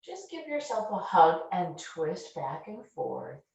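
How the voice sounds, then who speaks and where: A woman leading a children's yoga class, giving gentle, encouraging step-by-step instructions. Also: on the low side, sing-song, slow pace, vocal fry. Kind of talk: guiding a kids' yoga class. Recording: distant, very echoey, dull-sounding room recording.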